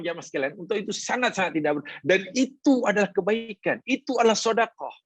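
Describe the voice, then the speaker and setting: A man giving a hadith lesson as a religious teacher, in a measured, explanatory way with rising emphasis. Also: high-pitched, slightly rough, no room sound. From Malaysia.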